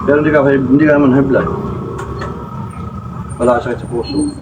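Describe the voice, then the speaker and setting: A man working as a folk healer, calming a nervous patient with short, coaxing questions while he also addresses his viewers. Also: mid-range voice, fairly quick. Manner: soothing, coaxing, keeps asking short questions. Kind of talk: treating a patient on camera while talking to viewers. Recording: loud vehicle noise behind.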